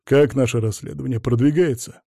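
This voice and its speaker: Man doing a quiet observant guest, mellow and dry, audiobook. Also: medium pitch, steady tone, vocal fry, no echo. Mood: calm. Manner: quiet, measured.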